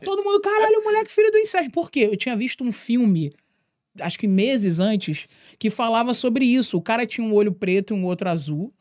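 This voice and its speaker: Brief: young carioca comedienne, animated storyteller, voices her quotes, dry close sound. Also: mid-range voice, fairly quick, dry recording. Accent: Carioca Portuguese. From Rio de Janeiro, Brazil. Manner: animated, acts out voices in quotes, swears freely. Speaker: guest comedian. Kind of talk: comic storytelling.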